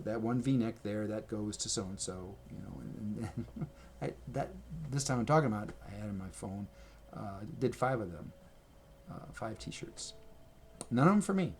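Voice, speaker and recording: A fairly low, slightly mellow male voice, with a bit of hiss or hum, comes through a camera mic at home. He's a video creator in casual rambling vlog mode, chatty and self-correcting while showing things.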